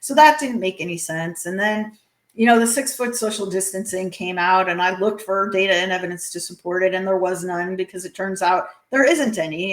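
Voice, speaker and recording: A woman's voice: medium pitch, reverberant. A woman being interviewed as an author, talking earnestly, with many fillers and restarts. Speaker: guest author. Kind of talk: interview conversation.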